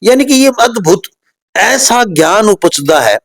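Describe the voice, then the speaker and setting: A man hosting an on-location interview, talking excitedly and pitching straight to his viewers. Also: unhurried, gravelly, rough recording. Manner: excited, promotional, addresses viewers directly. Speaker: host. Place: at a residential training institute.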